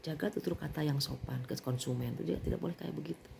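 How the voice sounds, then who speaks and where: A middle-aged vlogger with a Sundanese accent vents in an indignant, animated monologue. Her voice is low and creaky, she speaks quickly, and there's a faint hiss or hum in the recording.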